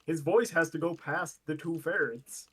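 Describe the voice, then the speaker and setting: A man's voice: fairly high pitch, normal speed, sharp tone, slightly rough. A man joking around in a casual gaming voice chat, poking fun at himself and his friends. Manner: joking, self-mocking.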